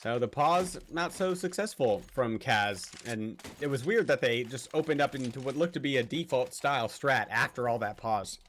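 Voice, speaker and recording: A man's voice: mid-range voice, a little hiss or hum. A man giving live play-by-play commentary on an esports match and joking with his co-caster. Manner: quick excitable play-by-play, jokes with co-caster.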